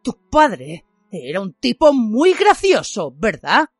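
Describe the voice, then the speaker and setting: A cold, menacing male professor who drags out each sneering word with slow menace, as a woman reading a storybook puts him on. The recording is dry and close, with faint music underneath. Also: fairly high pitch, huge pitch swings, breathy edge, dry recording, full character voice.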